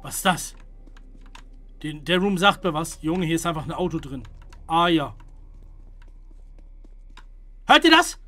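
A young man giving casual gameplay commentary to his viewers, jumping between hushed whispers and loud startled calls. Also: fairly high pitch, moderate pace. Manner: jumpy, hushed then loud, talks to viewers. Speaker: gaming streamer.

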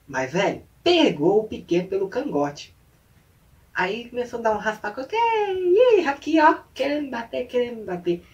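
Lively man telling a story, slightly off-mic. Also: high-pitched, far from the mic. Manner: animated, acts out sounds and voices. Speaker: vlogger. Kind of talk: storytelling vlog. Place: indoors at home late at night.

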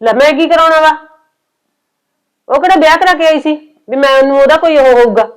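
A woman's voice: high-pitched, brisk, natural voice, low-quality recording. A woman playing a bossy scolding mother-in-law. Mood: gloating. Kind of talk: short film drama.

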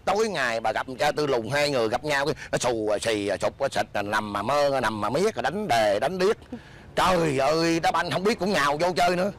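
Guy doing a gravelly beggar husband, bossy, rattles off fast. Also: mid-range voice, fairly bright tone, lightly acted. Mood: scolding. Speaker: comic actor. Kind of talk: comedy sketch acting.

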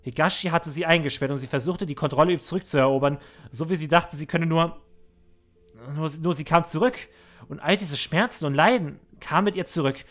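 A man's voice: on the high side, brisk, a bit bright. A man reading game text aloud and commenting in a let's play, earnest and somber, with small restarts.

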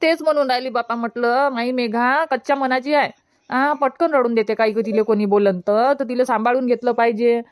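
A woman's voice: fairly high pitch, steady tone, fairly quick, no room sound, studio quality, close to an everyday voice. A woman voicing a fretful village mother. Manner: fretful, chatty. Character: worried village mother, unwell.

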